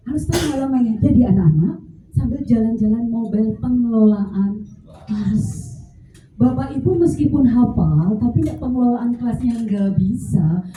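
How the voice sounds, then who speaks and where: A woman with a Javanese accent giving an animated, joking workshop talk to teachers. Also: on the high side. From Central Java. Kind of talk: lively lecture to an audience. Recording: echoey hall, mic at a distance, faint noise.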